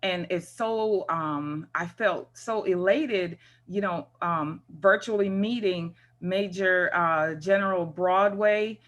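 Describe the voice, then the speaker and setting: Over a video call at a virtual conference, a Jamaican woman who is a retired first sergeant speaks in a Jamaican accent, her conversational remarks sprinkled with "um" and "you know." Her lowish, fairly bright voice moves slowly with few pauses, and the audio is dull.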